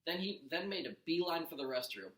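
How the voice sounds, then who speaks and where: Reading a story aloud like a teacher to his class, a man gives an animated children's audiobook performance, expressive with the odd stumble and self-correction. His voice is on the high side, fairly bright, brisk, with lively intonation, in an echoey room.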